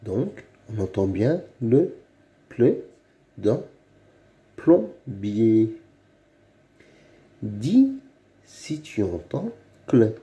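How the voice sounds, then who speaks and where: Slow, mellow man teaching phonics. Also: lowish voice, sing-song. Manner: slow, drawn-out, repeats each word. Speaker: reading teacher. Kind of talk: slow phonics lesson for young children.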